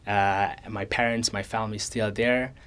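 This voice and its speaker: A man in his twenties from Hungary speaks in a somewhat low voice. He answers interview questions earnestly and at a measured pace, often restarting his sentences. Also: steady tone, fairly bright tone, smooth. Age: 20s. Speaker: co-founder guest. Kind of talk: conversational interview.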